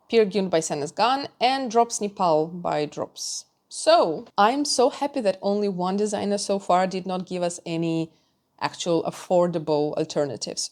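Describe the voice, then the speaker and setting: A woman's voice: mid-range voice, darkish tone. A woman knitting vlogger giving a chatty, candid review of knitting patterns, with small laughs and restarts.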